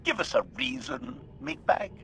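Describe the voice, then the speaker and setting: An actor voicing a smooth-talking male combat android, cold and condescending, with precise machine diction, in game audio with music behind. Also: extremely high pitch, huge pitch swings, normal speed, background noise, full character voice. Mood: cold, mocking. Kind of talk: video game character dialogue.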